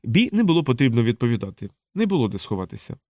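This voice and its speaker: A man narrating an audiobook in a measured, steady reading voice, close to the mic. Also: mid-range voice, no echo. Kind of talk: scripted narration.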